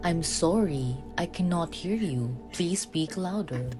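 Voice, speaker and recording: A woman in an amateur radio play, acting a detached, formulaic telephone operator with a measured, impassive manner. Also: fairly low pitch, expressive. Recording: music clearly behind voice.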